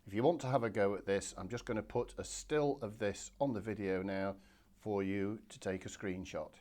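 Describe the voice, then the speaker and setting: A man, giving a relaxed, chatty step-by-step painting demonstration from his studio. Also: lowish voice, moderate pace. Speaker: watercolour art instructor. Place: home art studio.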